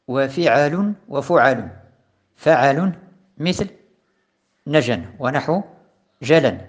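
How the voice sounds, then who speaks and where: Slow, deliberate male grammar teacher. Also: medium pitch, creaky. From Morocco. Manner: slow, deliberate, repeats and stresses patterns. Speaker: teacher of Arabic morphology. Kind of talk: recorded lesson explaining a grammar poem.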